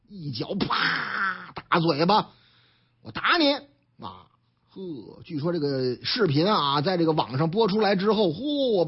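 A man with a strong Beijing accent tells the day's news like a street storyteller, slipping into the voices of the people in each tale. His pitch leaps up and down, and his voice has a husky edge. The broadcast sounds dull and lo-fi. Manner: lively, acts out the characters in the stories, colloquial. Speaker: radio commentator.

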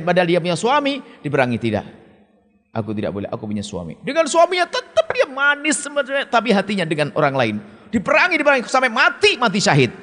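A male preacher giving a sermon in answer to an audience question, speaking in an emphatic, stern way. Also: in a large hall. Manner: emphatic and stern, with sharp swings of pitch.

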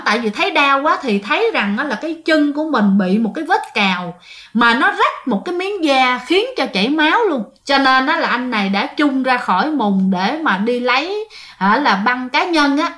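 A woman with a Southern Vietnamese accent telling a ghost story to her listeners, animated and full of quoted dialogue. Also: high-pitched, fairly quick.

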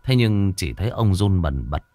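A man narrating a horror story in a dramatic, expressive way. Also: low voice, moderate pace, no echo.

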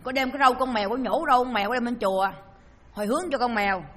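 A woman's voice: fairly high pitch, rapid-fire. A woman, a Buddhist dharma teacher giving a storytelling sermon and acting out voices and sounds as she tells it. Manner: lively storyteller who acts out voices and sounds. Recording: long hall reverb.

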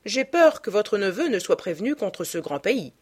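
A woman's voice: mid-range voice, big pitch swings, moderate pace, a little mellow, breathy edge. A woman voicing a pompous male politician who lectures with self-assurance. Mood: lecturing. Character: pompous radical male politician, stuffy and earnest.

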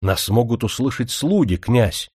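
A man's voice: mid-range voice, animated, unhurried, a little mellow, breathy edge, no room sound, clean studio sound. A man voicing a proud young princess in a spoken story, pleading and indignant by turns.

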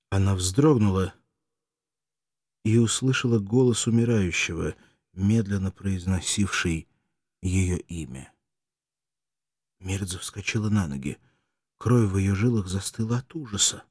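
A man narrating a novel in a slow, solemn and measured dramatic reading. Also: sits low, a little mellow, slightly rough, no echo, clean studio sound. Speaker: audiobook narrator.

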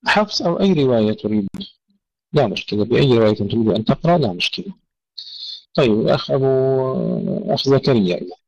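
A man teaching Quran recitation rules, correcting common mistakes and slowly demonstrating the right pronunciations. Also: medium pitch, big pitch swings, vocal fry, darkish tone, dry recording. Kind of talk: tajweed lesson. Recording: dull lo-fi dry recording.

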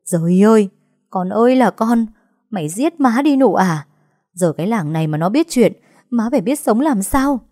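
Woman voicing village mother, distraught, wailing, raised pitch, dry. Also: big pitch swings, fairly quick, mellow, no echo. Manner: wailing, begging. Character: anxious village mother, crying and begging.

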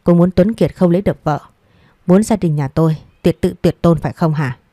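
A woman's voice: on the low side, fairly quick, mellow, no echo, natural voice. A woman voicing a domineering, scornful older mother in an audio story, speaking in a scolding tone. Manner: scolding, contemptuous.

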